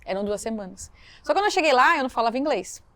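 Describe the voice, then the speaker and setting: A woman from Brazil tells her missionary story at a fast clip in a fairly high voice, acting out each quoted line with energy. She sounds close and dry, with hardly any room sound. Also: no echo. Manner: animated storytelling, acts out quoted dialogue. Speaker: missionary guest. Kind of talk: storytelling interview.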